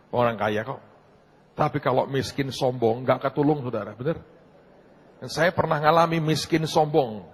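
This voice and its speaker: A man's voice: medium pitch, a bit bright, breathy edge. A middle-aged man preaching as pastor, telling a story in a conversational, joking way and often turning to the congregation. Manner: mixes humor into preaching. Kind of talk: sermon.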